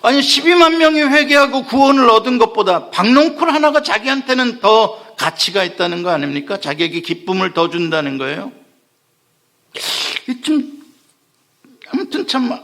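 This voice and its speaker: A man's voice: high-pitched, lively intonation, moderate pace, sharp tone. A man preaching a Sunday sermon as pastor, asking the congregation questions and acting out the lines he quotes. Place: church sanctuary.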